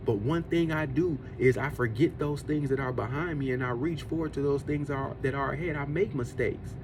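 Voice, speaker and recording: This podcast host is in his forties and talks at normal speed with a medium-pitched voice, with noise audible behind him. His faith-based motivational talk on discipline and food is earnest and preachy, and he keeps circling back to ideas he's already made.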